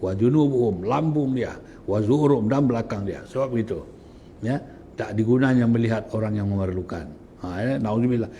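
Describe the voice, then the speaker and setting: A man's voice: lowish voice, brisk, warm tone, in a large hall, a little hiss or hum. A man teaching a religious lesson, reciting Arabic verses and explaining them in a Sabah Malay accent with rhetorical questions. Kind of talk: Islamic lecture explaining Quranic verses.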